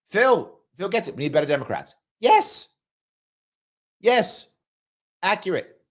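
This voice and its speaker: A political talk show host reads viewer comments aloud and answers them bluntly and emphatically, repeating his points while getting over a lingering cough. His voice sits high and sounds sing-song, unhurried and fairly bright.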